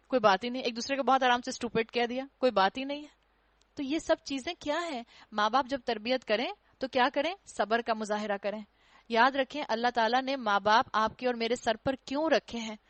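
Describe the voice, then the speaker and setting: A woman's voice: a little high, dry recording. A woman giving an earnest religious lecture to girls in Pakistani Urdu, admonishing and acting out children's retorts. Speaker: Quran teacher.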